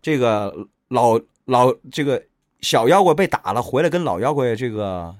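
A man hosting a casual chat, animated and joking, acting out quoted lines. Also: medium pitch, moderate pace, no echo, studio quality. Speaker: host.

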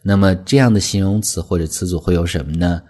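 A man teaching English expressions in a measured, explanatory way, reading the example sentences slowly and clearly. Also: low voice, steady tone, a little mellow.

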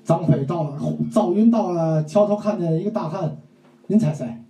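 A man putting on a brash, swaggering old-style storyteller with a Tianjin accent. He drags his words out slowly and wildly, dropping crude asides into his heroic tale. The sound is caught in a roomy live stage recording. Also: sits high, dark tone, natural voice. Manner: slow, drawling, theatrical storytelling with crude asides. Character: coarse, swaggering male street storyteller.

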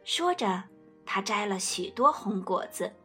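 A woman reading a children's picture book aloud in a gentle, expressive way. She speaks slowly with a bright, slightly husky voice. Soft music plays faintly underneath. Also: mid-range voice. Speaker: storyteller.

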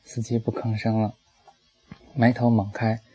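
A man's voice: fairly low pitch, monotone, measured pace, mellow, husky, low-quality recording. A man reading a personal essay aloud as an audiobook, telling it in a wry, dry way. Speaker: narrator.

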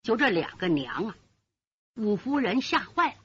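A woman's voice: mid-range voice, sing-song, moderate pace, fairly bright tone, slightly rough, muffled recording. A woman telling a traditional pingshu story dramatically, with spoken sound effects.

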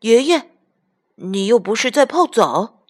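A woman voicing a young, eager grandson in a storybook, speaking up brightly and earnestly. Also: on the high side, sing-song, measured pace.

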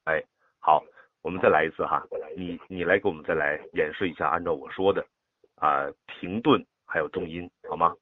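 Low husky man teaching by phone. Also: fairly even intonation, no room sound. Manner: patient, demonstrates with slow drawn-out words. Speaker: poetry recitation teacher. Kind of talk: coaching a child's poem recitation by phone. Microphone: phone call. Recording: tinny phone line.

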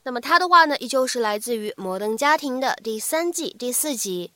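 A woman teaches an English lesson in a fairly high, lively voice. She breaks points into short chunks and says each phrase again slowly. The sound is dry and close. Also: dry recording.

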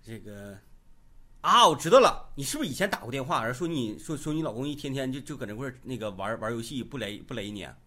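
A man hosting a radio call-in show, chatty and quick to exclaim. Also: mid-range voice. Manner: animated, chatty, laughs and exclaims. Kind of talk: lively radio chat.

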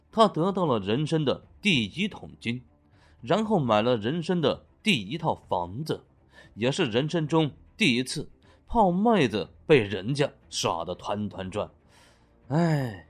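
A man narrating a web novel as an audiobook, in a playful, animated storytelling manner, with faint music underneath. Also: mid-range voice.

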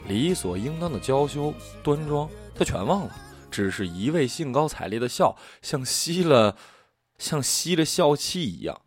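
Brief: male storyteller, wry and expressive, very animated delivery. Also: medium pitch, moderate pace, faint music behind. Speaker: narrator. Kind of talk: storytelling narration.

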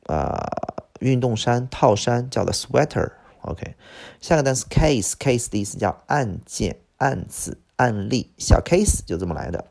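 A middle-aged male teacher working through an English vocabulary list with a low, gravelly voice. He stumbles over filler words and drags each new word out slowly, over and over. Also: darkish tone. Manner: lots of "这个" filler, drawn-out slow repeats of words. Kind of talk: vocabulary lesson.

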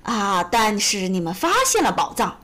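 A woman's voice: medium pitch, big pitch swings, unhurried, husky, voice pushed down. A woman voicing a wise, serious mouse who speaks solemnly in a children's storybook. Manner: solemn, grave.

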